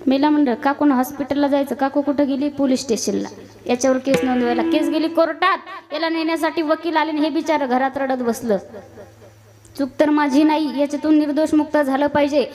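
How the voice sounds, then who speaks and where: A woman's voice: high-pitched, steady tone, brisk. A young woman preaching a devotional kirtan sermon, telling a humorous folk story to the audience. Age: young adult. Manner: sings devotional verses, then tells a humorous folk story acting out characters' shouts.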